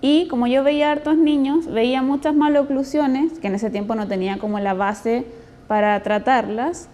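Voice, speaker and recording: A woman dentist with a Chilean accent gives an earnest testimonial. Her voice sits a little high and sounds warm and mellow. She talks in a conversational, explanatory way. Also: steady tone, moderate pace. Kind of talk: testimonial interview.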